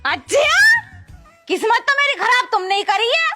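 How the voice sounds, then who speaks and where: A woman's voice: extremely high pitch, animated, moderate pace. Woman playing a feisty village wife. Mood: pleading. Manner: quarrelsome, dramatic. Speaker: comedy skit actor. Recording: music in background.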